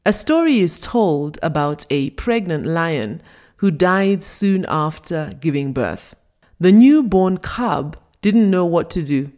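Female motivational speaker, lowish pitch, very expressive melody, slow and emphatic. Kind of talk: scripted motivational talk.

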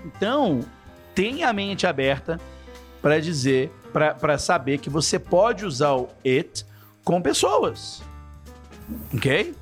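A man hosting a casual podcast English lesson, acting out example phrases in a lively way. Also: fairly high pitch, slow pace, soft background music. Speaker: English teacher, podcast host.

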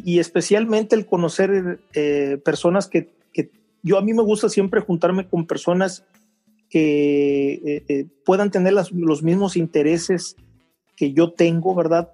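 A middle-aged man, talking through his life story as an interview guest. His voice sits a little high but sounds warm and slightly husky, with soft music faintly underneath. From Mexico (Veracruz). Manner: unhurried, many restarts and fillers. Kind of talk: conversational interview.

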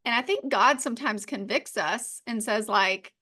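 A woman co-hosting a faith-based business podcast, talking in a chatty, animated way, full of "like" and "right.". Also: fairly high pitch, moderate pace, breathy edge. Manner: animated, acts out playful quotes. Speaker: podcast co-host.

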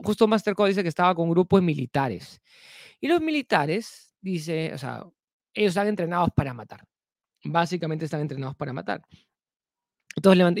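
A speaker talks through a self-help lesson at an ordinary middle pitch, recorded close with a dry sound. They repeat key phrases twice and ask rhetorical questions. Each new point is linked with a steady "entonces". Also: no room sound. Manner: leans often on the filler "entonces".

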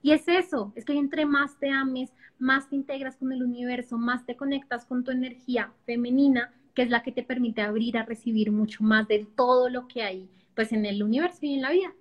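A woman's voice: on the high side, fairly even intonation, a little fast, few pauses. A woman, talking enthusiastically as a podcast guest and acting out little inner voices. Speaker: guest speaker on abundance. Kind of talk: casual podcast conversation.

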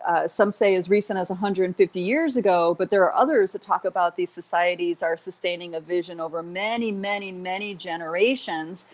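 Female spiritual teacher, lowish register, unscripted livestream talk to her group, halting and searching in delivery. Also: a little mellow, poor audio. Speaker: spiritual teacher leading an online group session.

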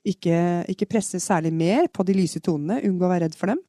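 Woman from Norway, singing teacher, warm dark voice, close dry sound, chatty explanations, demonstrates fry. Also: lowish voice, no echo. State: has a cold. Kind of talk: live podcast voice lesson. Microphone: podcast microphone.

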